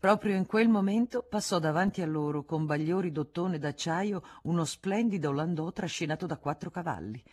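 A woman reading a classic novel aloud in a measured, expressive way. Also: lowish voice. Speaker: audiobook reader. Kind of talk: literary audiobook narration.

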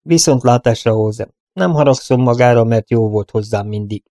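A man's voice: medium pitch, dark tone, no room sound, clean studio sound, natural voice. A man voicing a cold, resolute young man who speaks curtly and bluntly. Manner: curt, blunt.

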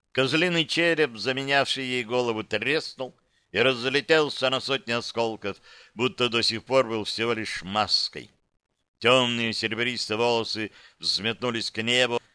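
A man's voice: mid-range voice, bright, forceful tone, smooth, no echo. A man narrating an audiobook in the first person, in a dry, wry, matter-of-fact way.

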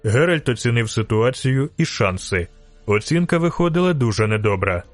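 A man reading a fantasy novel aloud in steady, scripted audiobook narration. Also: mid-range voice, normal speed, no room sound, faint music behind.

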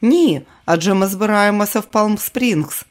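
A male audiobook reader voicing an affectionate, coaxing wife in a soft, raised voice. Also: high-pitched, a little slow, pitched above the performer's own voice. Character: affectionate younger wife, woman, attentive. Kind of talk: audiobook character reading.

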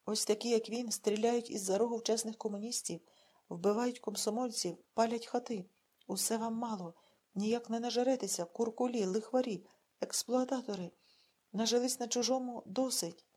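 A woman's voice: fairly high pitch, fairly even intonation, moderate pace, a little mellow, breathy edge. Woman reading as a scornful male secret-police officer. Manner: barking, contemptuous.

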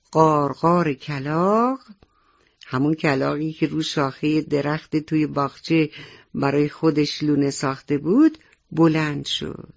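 A woman's voice: lowish voice, highs cut off. A woman storyteller narrating a children's bedtime story on the radio, speaking directly to the children listening. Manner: warm, addresses children directly.

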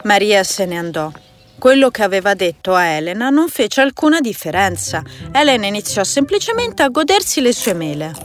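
A woman narrating a fairy tale in scripted storytelling style, clear and even. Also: mid-range voice, moderate pace. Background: soft music.

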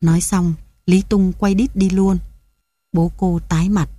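A woman narrating a story in a calm, steady reading voice. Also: on the low side, a little slow, no room sound.

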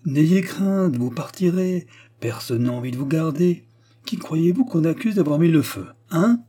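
A man's voice: a little high, expressive, unhurried, mellow, voice pushed up. A man reading aloud voices a brusque, mocking male estate steward who talks down to a frightened young man. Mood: menacing. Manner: brusque, sneering, menacing.

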